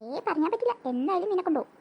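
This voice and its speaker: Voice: very high voice, big pitch swings, rapid-fire, lo-fi sound, a little hiss or hum, full character voice. A performer voicing a bossy older sister girl who scolds and teases her sibling. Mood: teasing.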